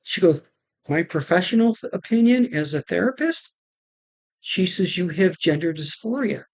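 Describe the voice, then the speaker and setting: A woman vlogger telling her personal story to camera, halting, with restarts, and retelling conversations line by line. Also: fairly low pitch, animated, no echo. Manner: retells conversations with "she goes" and "I'm like".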